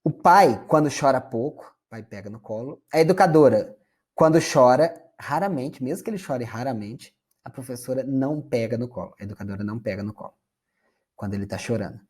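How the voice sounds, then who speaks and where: A man's voice: medium pitch, animated, fairly quick, a little mellow, breathy edge. A Brazilian man giving a conversational classroom lecture, often turning to his audience. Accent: Brazilian Portuguese. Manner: conversational, addresses audience as "gente".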